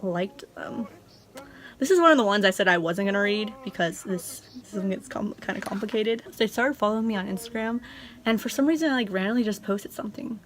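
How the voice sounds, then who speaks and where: A woman's voice: medium pitch, a bit bright. Young woman chatting casually, rambling and informal. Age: young adult. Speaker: vlogger. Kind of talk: casual confessional chat.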